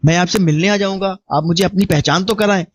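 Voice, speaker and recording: A man's voice: high-pitched, steady tone, slightly rough, no echo. A man voicing a pushy young male prank caller coaxing a stranger to chat. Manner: insistent, coaxing.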